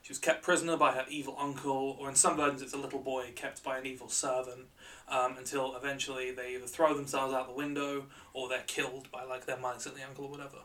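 A man hosting a show as a bright, curious, joking presenter, telling stories in a light-hearted, conversational way. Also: medium pitch, flat delivery, fast talker, far from the mic. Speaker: podcast and radio show host.

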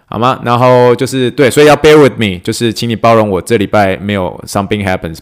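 A man hosting a casual podcast, a physical therapist who talks fast and laughs often, slowing down for English phrases. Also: low voice, clear, resonant tone. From Taiwan. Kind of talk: casual podcast monologue teaching clinical English.

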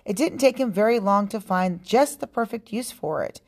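Calm woman reading a storybook aloud. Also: mid-range voice, moderate pace. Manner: calm, clear, steady reading. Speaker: podcast host reading a children's book. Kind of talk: storybook read-aloud narration.

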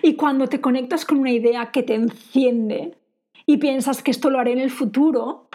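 High-voiced woman podcast coach. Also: steady tone, normal speed, dark tone. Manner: earnest, encouraging, repeats phrases for emphasis. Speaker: podcast host and coach for women entrepreneurs. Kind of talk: motivational podcast monologue.

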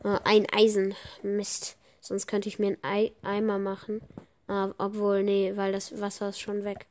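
A woman chatting casually while playing a game for her podcast, excitable and chatty, with frequent slang exclamations. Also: medium pitch, moderate pace. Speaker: gaming podcaster. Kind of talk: casual gameplay commentary.

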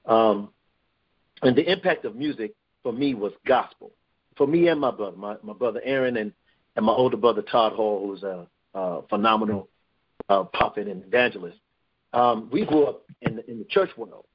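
A man from New York, a guest in a casual interview, speaks in a lowish, expressive voice at normal speed with a breathy edge. He rambles with many restarts, heard over a muffled line.

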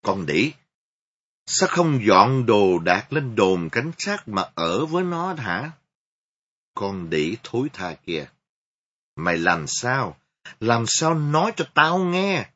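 Male reader voicing a furious rural mother in a storybook reading, shouting harsh scolding in a husky voice, raised high and loud. Lo-fi, muffled recording. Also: big pitch swings, slow pace, full character voice. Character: furious mother of a pregnant young woman, scolding. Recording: dull lo-fi recording.

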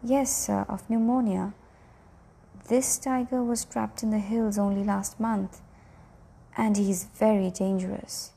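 A woman's voice: medium pitch, fairly even intonation, measured pace, vocal fry, mellow, husky. A woman voicing a nervous male zoo keeper who stammers and speaks hesitantly. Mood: anxious.

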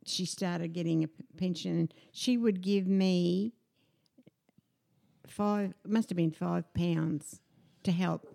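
An older Australian woman with a gravelly, low, mellow voice reminisces about family in a loose, rambling way. Her talk is full of little fillers and restarts. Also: fairly even intonation, slow pace. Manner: rambling, fond recollection with many fillers. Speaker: podcast guest. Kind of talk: casual reminiscing chat.

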